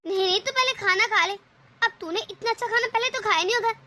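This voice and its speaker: A woman's voice: very high-pitched, quick pace, pushed and bright. A woman voicing a domineering, scheming middle-aged mother-in-law in a cartoon, scolding and sarcastic. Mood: mocking. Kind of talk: animated cartoon voice acting.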